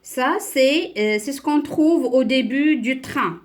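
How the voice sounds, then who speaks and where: A woman teaching a beginner French class, speaking slowly and patiently, spelling out letters and syllables and checking understanding with questions. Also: high voice. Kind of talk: beginner French lesson at a board.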